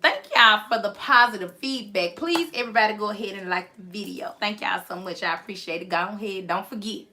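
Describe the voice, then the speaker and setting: Laughing, bright-voiced woman host. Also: mid-range voice, fairly quick, slight background noise. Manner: laughing, teasing, animated storytelling. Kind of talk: casual chat.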